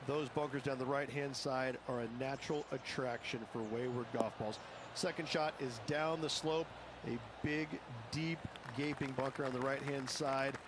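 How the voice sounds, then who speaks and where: A man's voice: mid-range voice, lightly acted. A man voicing a golf commentator for a game, giving descriptive analysis with emphasis on difficulty. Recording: clear outdoor ambient noise.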